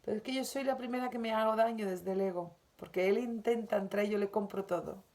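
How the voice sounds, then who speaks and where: Una mujer con acento de España que lee y comenta una lección espiritual diaria, con tono suave, sentido y reflexivo. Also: female voice, medium pitch, quick pace, a little mellow. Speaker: spiritual teacher. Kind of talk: reading and commenting on a daily spiritual lesson.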